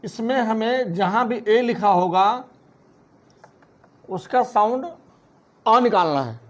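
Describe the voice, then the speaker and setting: A man teaching a phonics lesson, spelling words out letter by letter and then saying each one slowly. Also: sits high, animated. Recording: dull lo-fi recording.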